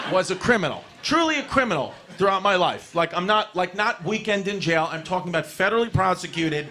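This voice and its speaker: A man's voice: sits high, sharp tone, a little hiss or hum. A man from New York in his thirties doing a stand-up set in a comedy club, brash and profane, rambling and laughing at his own lines.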